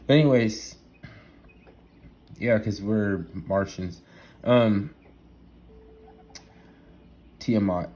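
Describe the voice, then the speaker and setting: A man talking through an idea in a rambling, excitable monologue, full of restarts and asides, laughing at himself now and then. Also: fairly low pitch, slow pace. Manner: rambling, restarts often, lots of fillers and "right?". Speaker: solo vlogger.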